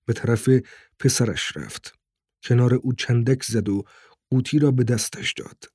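A man reading a novel aloud in calm, measured narration. His voice is husky with a breathy edge, and the recording is close and dry with no room echo. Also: mid-range voice. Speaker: audiobook narrator. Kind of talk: scripted narration.

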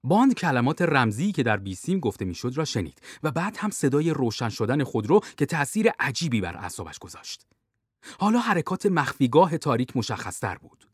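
A man narrating a thriller audiobook in a lively, expressive way. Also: mid-range voice, breathy edge, dry recording, studio quality.

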